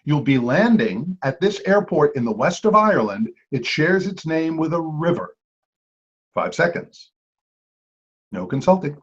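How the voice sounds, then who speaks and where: A man's voice: on the high side, sing-song, a little slow, slightly rough. A man hosting an online trivia game as quizmaster, playful, with jokey asides. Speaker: trivia quiz host. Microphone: video call. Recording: dull lo-fi video call audio.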